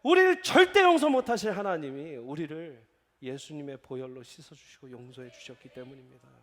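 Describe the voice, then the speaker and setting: A male pastor giving a sermon in a lively, jokey preaching manner. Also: fairly high pitch, a little fast. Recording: echoey church hall.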